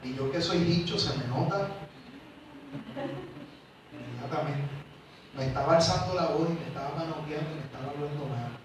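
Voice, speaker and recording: A man's voice: a little high, moderate pace, pauses often, background noise. A man, a pastor telling a personal testimony in a sermon and acting out the dialogue. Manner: animated storytelling, acts out dialogue, swings from loud to quiet. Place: large church sanctuary. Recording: echoey hall, mic from far off.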